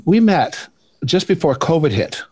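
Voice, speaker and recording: Man, host, fairly high voice, eager, stop-start questions. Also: very animated, darkish tone. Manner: eager, halting, many restarts. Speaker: podcast host. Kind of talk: casual interview chat.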